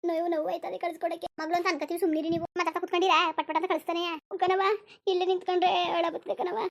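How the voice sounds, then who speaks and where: A woman's voice: very high voice, level tone, very fast. A woman voicing a tender, reassuring village mother in a cartoon, coaxing. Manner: soothing, coaxing, repeats endearments. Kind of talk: cartoon voice acting.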